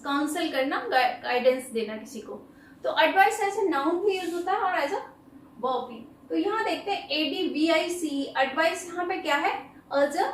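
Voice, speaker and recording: A woman with an Indian accent teaching English words in Hindi, spelling them out letter by letter and reading example sentences very slowly. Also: extremely high pitch, echoey room, recorded from a distance, a little hiss or hum, poor audio. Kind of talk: Hindi-English vocabulary lesson.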